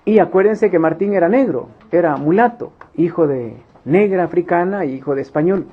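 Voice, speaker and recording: A man with a notably high voice leads a Bible study. He is emphatic, repeating key lines for weight and slipping into small acted scenes. The recording sounds dull and lo-fi. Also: animated, normal speed. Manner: emphatic, repeats key phrases, acts out little quoted scenes. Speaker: preacher.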